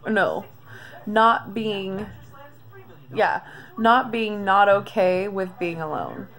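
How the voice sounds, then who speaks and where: A woman in her thirties talking through a confessional video diary, emotional and close to tears, halting with many pauses. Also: mid-range voice, fairly bright tone. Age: 30s. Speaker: vlogger.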